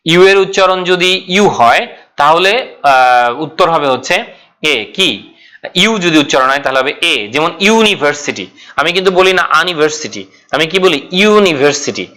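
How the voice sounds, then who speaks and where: Bright-voiced man teaching grammar. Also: a little high, animated, measured pace. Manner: explains step by step, asks and answers own questions, repeats key points. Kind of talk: online class lecture.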